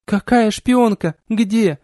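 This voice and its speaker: A man doing a shrill fiery young woman. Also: takes it slowly, dark tone, dry recording, clean studio sound. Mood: bewildered. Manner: high shrill voice, swinging from bewildered to screaming. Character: young woman, quick-tempered orphanage brawler.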